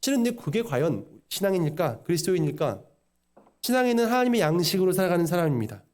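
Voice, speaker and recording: A man preaching a sermon as pastor, voicing quotes and questions along the way. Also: sits high. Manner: preaching with quick, animated delivery and voiced quotes.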